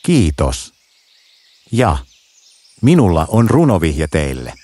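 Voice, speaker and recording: A man's voice: sits low, huge pitch swings, mellow, slightly rough, dry recording, heavily acted. A man voicing a shy, guilty male forest creature in a children's storybook, talking in a slurred, hesitant way. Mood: relieved.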